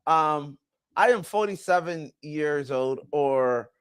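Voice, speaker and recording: A man's voice: fairly high pitch, takes it slowly, clean tone, dry recording. A man in his forties hosting a live stream, chatting casually and rambling with self-corrections as he greets viewers. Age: 40s. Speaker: livestream host. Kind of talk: casual livestream chat.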